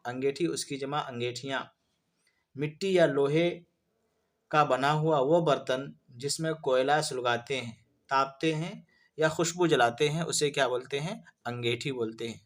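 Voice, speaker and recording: A male teacher walks students through Urdu vocabulary for an entrance exam. He keeps asking questions and then answering them himself, in a voice a little higher than most men's. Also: fairly bright tone. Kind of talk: vocabulary lesson for exam prep.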